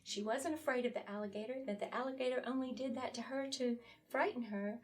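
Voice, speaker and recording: A woman's voice: fairly high pitch, fairly even intonation, brisk. A woman author as a talk-show guest, earnestly recounting a children's story. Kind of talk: interview storytelling.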